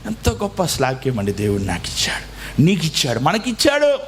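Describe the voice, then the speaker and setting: A man preaching a sermon as pastor, swinging between loud exclamations and soft low phrases and slowing down to stress words. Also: big pitch swings, a little hiss or hum.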